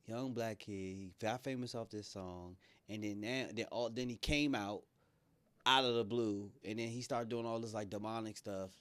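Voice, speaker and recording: A man's voice: lowish voice, fairly even intonation, moderate pace, a bit bright, smooth, dry recording. A man hosting a podcast, chatting casually and rambling, laughing often as he talks. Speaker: podcast host. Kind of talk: casual interview chat.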